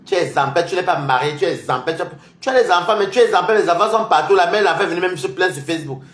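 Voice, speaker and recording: A social media commentator delivers a confrontational online rant, very fast and expressive, taunting and mocking his rivals. He repeats himself and swings between loud outbursts and low mutters, recorded in an echoey room.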